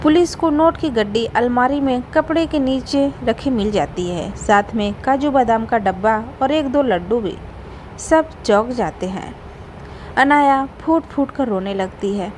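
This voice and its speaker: A woman's voice: on the high side, measured pace, slight background noise, poor audio. Woman narrating a family storybook. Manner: steady storybook reading.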